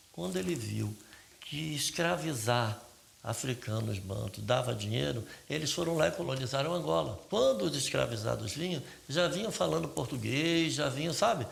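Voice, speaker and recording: Very gravelly Brazilian man explaining. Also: a little high, a little hiss or hum. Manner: conversational, explanatory, uses "sabe?". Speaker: interviewee. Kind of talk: documentary interview.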